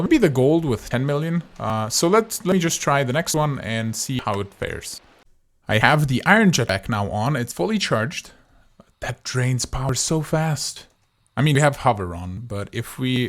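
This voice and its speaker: A man hosts a gaming video in a voice of medium pitch. He comments casually on his play, chatting and thinking aloud as he decides what to try. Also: big pitch swings, measured pace.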